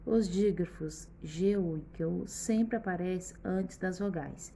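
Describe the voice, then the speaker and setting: A woman teacher giving a patient, step-by-step lesson for children, often pausing to check that they follow along. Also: lowish voice, vocal fry, warm tone, a little hiss or hum. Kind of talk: remote schoolbook lesson for children.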